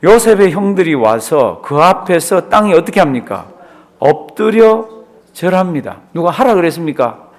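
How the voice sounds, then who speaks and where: A man's voice: a little high, very animated, moderate pace. A man, a pastor, teaching a Bible study class, asking the class questions, answering them himself and repeating key words for emphasis. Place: church classroom.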